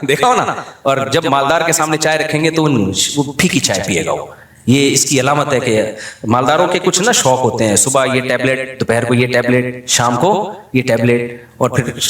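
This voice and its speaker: A man giving an informal Islamic sermon, telling a funny story with lively acted-out dialogue, then slowing down for serious points. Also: medium pitch. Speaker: Islamic scholar. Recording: echoey room.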